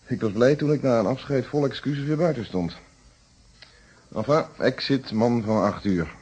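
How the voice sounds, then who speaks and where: In a Dutch detective radio play, an actor voices a steady police inspector who reflectively explains his case. He speaks with a Netherlands accent in a measured, polite manner, his mid-range voice slightly rough.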